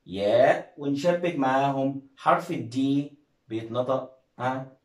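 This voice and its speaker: A man's voice: medium pitch, measured pace. Egyptian man teaching in an echoey room. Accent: Egyptian Arabic. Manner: coaxing, quizzes viewers and praises them. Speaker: English teacher. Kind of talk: classroom-style video lesson.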